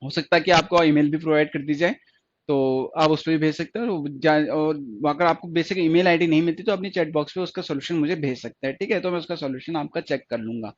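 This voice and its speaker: A man's voice: a little high, quick pace, lo-fi sound. A man teaching a stenography class online, repeating each point and asking questions he then answers himself. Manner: repetitive, asks questions and answers them himself.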